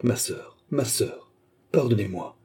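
A man reading an audiobook, voicing a royal prince who murmurs tender reassurance in a soft voice. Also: mid-range voice, normal speed, slightly rough. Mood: soothing. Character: tender, soothing royal brother-in-law.

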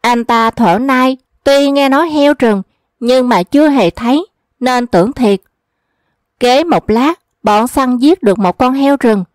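A woman reading humorous folk tales aloud at a steady, even pace. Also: high voice, a little slow, no room sound, studio quality. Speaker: storyteller.

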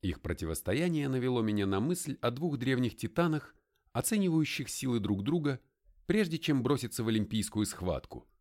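Brief: male first-person audiobook narrator, highly animated pitch. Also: moderate pace. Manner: expressive, first-person storytelling.

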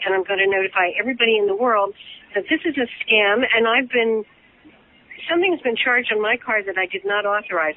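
A woman heard over the phone, arguing indignantly and insistently, repeating herself as the target of a prank call. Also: medium pitch. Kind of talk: angry phone argument. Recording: muffled phone line with faint hiss.

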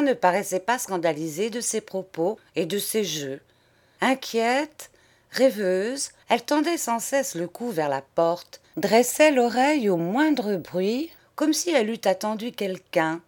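A woman reading a classic novel aloud, in measured and expressive narration. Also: medium pitch. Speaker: audiobook reader.

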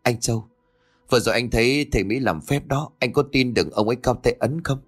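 A man's voice: mid-range voice, fairly quick, close to an everyday voice. A man playing a younger cousin who teases an older one. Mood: teasing. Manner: teasing. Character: teasing younger male cousin, cheerful.

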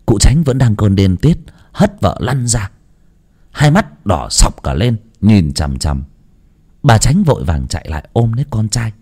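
Highly expressive male storyteller. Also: unhurried, husky. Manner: expressive, dramatic. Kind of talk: dramatic story narration.

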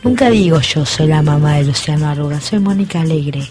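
A woman's voice: deep voice, fairly quick, soft background music. Nervous, chatty Argentine woman. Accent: Rioplatense Argentine. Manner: talkative, quotes others in lively voices, nervous laughs. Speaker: radio guest, mother of a missing youth. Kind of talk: emotional personal storytelling. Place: radio studio.

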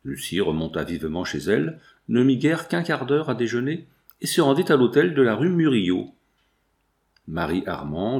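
Expressive male audiobook narrator. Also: mid-range voice. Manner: expressive reading. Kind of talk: scripted narration.

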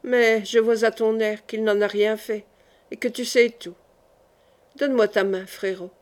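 A woman reading the part of a gentle young man on his deathbed, soft, weary and affectionate. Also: a little high, fairly even intonation, a little slow, close to an everyday voice. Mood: tender.

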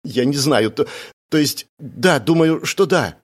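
A man's voice: on the high side, lively intonation, unhurried, slightly rough, voice pushed up. A man doing a tearful, frightened young woman. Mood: pleading. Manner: pleading, breathless swearing.

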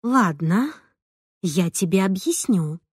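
A woman voicing a stern, worried middle-aged mother in an audiobook, speaking lower and slower and lecturing. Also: expressive, breathy edge, dry recording, studio quality. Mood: angry. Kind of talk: audiobook character voice.

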